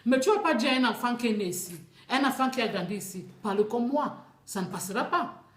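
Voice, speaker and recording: A woman with a Cameroonian French accent, telling her own experiences in a lively, unscripted way. She often stumbles and repeats words as she talks. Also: fairly high pitch, fast, reverberant. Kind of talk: casual spoken testimony.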